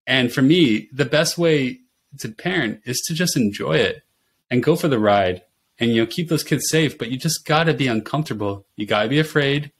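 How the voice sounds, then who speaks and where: A middle-aged man, a nurse and podcast guest, chatting casually and telling lively stories with frequent laughter. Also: mid-range voice, moderate pace, slightly rough. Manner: animated storyteller who laughs often. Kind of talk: casual interview chat.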